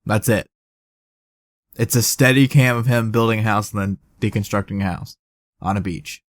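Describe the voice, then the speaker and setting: A young man co-hosting a casual podcast, chatting and acting out movie quotes with lively energy. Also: on the low side, moderate pace, no room sound, studio quality. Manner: animated, acts out movie quotes. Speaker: podcast co-host. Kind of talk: casual chat.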